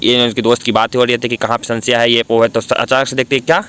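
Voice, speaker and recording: A man's voice: medium pitch, level tone, quick pace, fairly bright tone, a little hiss or hum. A man from India casually retelling a drama episode in a chatty way. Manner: chatty, restarts, asks listener along. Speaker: drama recap narrator.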